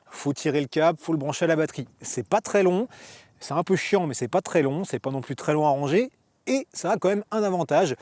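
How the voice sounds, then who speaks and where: A man's voice: a little high, a little mellow, no room sound. Chatty man explaining casually. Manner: chatty, joking, many fillers. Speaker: van life vlogger.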